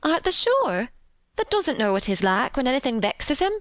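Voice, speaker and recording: A woman's voice: high voice, sing-song, moderate pace, fairly bright tone, no echo, clean studio sound, voice pushed up. A woman voicing an agitated, plain-spoken young housemaid in an audiobook. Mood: incredulous. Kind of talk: audiobook character voice.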